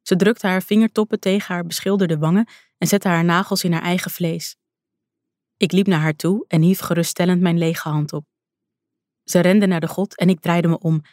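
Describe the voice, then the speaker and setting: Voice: medium pitch, steady tone, moderate pace, no echo. An audiobook narrator telling a first-person fantasy story in a tense, dramatic way. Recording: dry, close studio sound.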